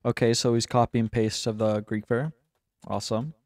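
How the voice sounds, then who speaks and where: A man's voice: mid-range voice, flat delivery, normal speed, a little mellow, dry recording, studio quality. A young man casually commenting while playing a game, chatty and laughing at himself. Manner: chatty, laughing, self-mocking. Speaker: gaming channel host.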